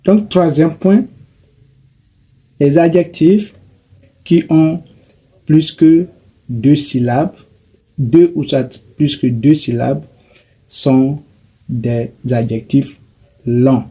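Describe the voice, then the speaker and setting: A man teaching a grammar lesson, slowly and haltingly, repeating himself and correcting his as he goes. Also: on the high side, dark tone, breathy edge. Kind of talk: grammar lesson explaining English adjectives.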